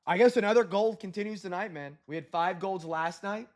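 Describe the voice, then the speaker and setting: A man hosting a live trading card break, rattling off player names with excited bursts. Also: sits high, fairly quick.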